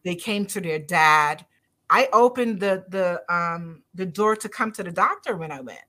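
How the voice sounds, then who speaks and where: Speaking a little slowly in a voice on the low side, a middle-aged Barbadian woman doctor sounds animated, pushed and bright. As a podcast guest in a conversational interview, she's earnest and emphatic and repeats her key phrases.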